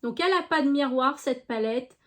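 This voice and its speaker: A woman with a French regional accent chatting casually through a beauty product review, unhurried, with many fillers. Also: high voice, fairly bright tone. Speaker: beauty vlogger.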